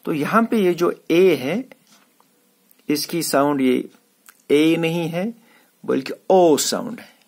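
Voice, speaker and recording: A man teaches a class, taking his time and drawing out each point. His voice is slightly husky, and he says key words again and again so students catch them. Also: fairly high pitch, lively intonation, a little mellow. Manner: slow, explanatory, repeats words for emphasis. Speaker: English teacher. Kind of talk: classroom lecture mixing Hindi and English.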